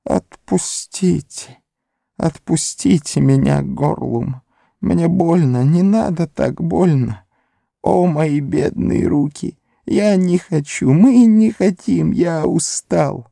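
Whining, hissing Gollum. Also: male voice, a little high, vocal fry, dark tone, dry recording, studio quality, voice pushed up. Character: wretched creature Gollum, whining, split, cunning. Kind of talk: audiobook character voice.

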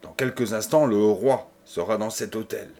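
A man voicing a cold, menacing old nobleman who speaks with sinister calm. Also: mid-range voice, moderate pace, breathy edge. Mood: coldly menacing.

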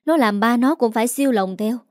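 A woman voicing a scornful middle-aged stepmother, a teacher, who scolds in a haughty, shrill way. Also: a little fast, no room sound, studio quality, lightly acted.

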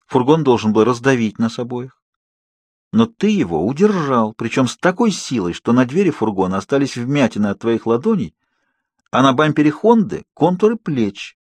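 A man's voice: mid-range voice, very animated, normal speed, darkish tone, no echo. A man reading an audiobook, voicing a stubborn, angry teenage girl in a firm, insistent tone. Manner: firm, insistent, rising when upset.

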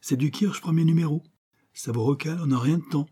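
Picture a hearty amateur sleuth with a raised, ringing voice, full of fight and ready for anything. A man puts him on while reading an audiobook. There is a husky edge under the lift. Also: on the high side, fairly quick, warm tone, voice pushed up. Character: bold, jovial male amateur detective, full of fight.

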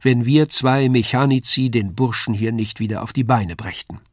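A man's voice: mid-range voice, moderate pace, no room sound, clean studio sound, lightly acted. A man reading the part of a brusque, commanding craftsman father in a storybook. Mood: jovial. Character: stern gruff father, craftsman, middle-aged man.

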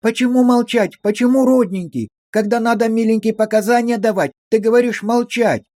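A man puts on a high, fawning village woman who wails and pleads in a sing-song lilt, voice pushed up well above a man's own and loud, recorded dry and close. She gushes and begs without pause. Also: dry recording. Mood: pleading. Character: fawning, wailing village woman under questioning.

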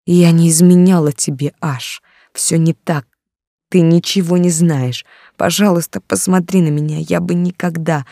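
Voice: mid-range voice, fairly even intonation, a little slow, warm tone, no echo, close to an everyday voice. A reader voicing a desperate young woman who pleads through tears, recorded dry and close. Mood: pleading. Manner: pleading, tearful. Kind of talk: audiobook character reading.

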